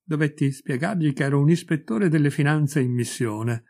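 A man narrating a short story as an audiobook reader, in a measured, clear storytelling delivery. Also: a little high, a little mellow.

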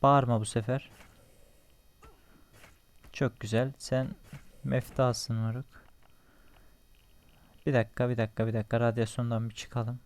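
A man's voice: mid-range voice, little pitch movement, normal speed, long pauses, a little mellow. A young man giving casual running commentary while playing a survival game, talking to himself, joking and cursing at enemies. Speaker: gaming channel host.

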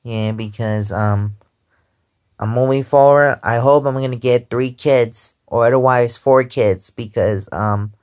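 A twenty-five-year-old man rambles slowly from his bed, his words drawn out and unhurried. His voice is smooth and clear, caught close on a phone just above his face. He keeps circling back with "because, um" as he chats. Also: mid-range voice, steady tone, a little mellow. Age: 20s. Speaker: vlogger. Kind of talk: casual chat. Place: lying in bed at home, indoors. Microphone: phone held close above face.

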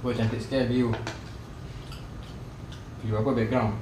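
A man with a Malaysian Malay accent hosting a mukbang, talking while chewing in a relaxed, casual way and mixing in English words. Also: medium pitch, moderate pace. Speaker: mukbang host. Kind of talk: casual eating-show chat. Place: room at home. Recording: echoey room with background noise.

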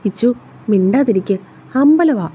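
A woman voicing a sharp-tongued young woman who mocks and scolds. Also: a little high, lively intonation, moderate pace, slightly rough. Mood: mocking. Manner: mocking, scolding.

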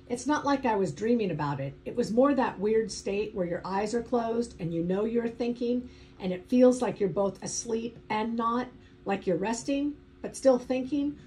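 A woman's voice: medium pitch, dark tone, rough recording. A woman narrating a first-person audiobook in a conversational, wry inner-monologue manner.

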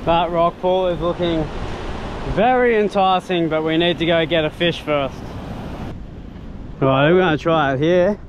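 A young man, chatting casually to an action camera held at arm's length on a rocky ocean shore, and shouting out with excitement when a fish strikes. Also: a little high, measured pace, long pauses, highs cut off. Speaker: fishing vlogger. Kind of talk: casual solo vlog narration. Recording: loud surf and wind noise.

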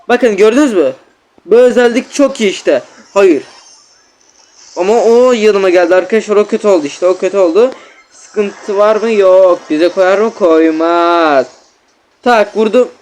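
A man giving excitable gameplay commentary as a gaming YouTuber, repeating words and constantly addressing his viewers. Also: sits high.

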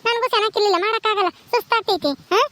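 A woman's voice: very high voice, fairly even intonation, quick pace, bright, forceful tone, no echo. A woman playing an ailing, bossy village wife in a comedy skit, with a rural Karnataka Kannada accent and a nagging, scolding manner.

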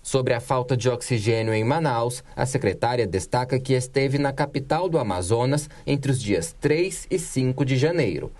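A woman news reporter reading a scripted report in a steady, measured way. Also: a bass voice.

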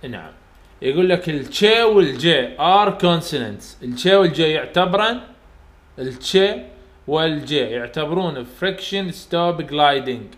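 Iraqi male lecturer, patient step-by-step explainer, fairly high voice, echoey classroom sound. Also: animated, normal speed. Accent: Iraqi Arabic. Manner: explains step by step, repeats sounds aloud for students to copy. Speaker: university English phonetics teacher. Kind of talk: recorded lecture for students.

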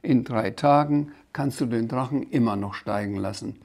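A man's voice: medium pitch, normal speed, vocal fry. A man voicing a patient, mild-mannered grown man in a storybook reading. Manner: calm, patient, reasoning.

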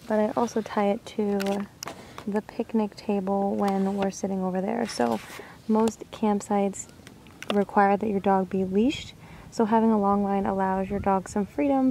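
A young woman talks through her camping gear in a relaxed, chatty way. Her voice is mellow with a gravelly edge. It is recorded outdoors on a handheld camera, with faint background noise. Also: medium pitch, low-quality recording. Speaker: dog owner vlogger. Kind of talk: casual product walkthrough vlog. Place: outdoor campsite.

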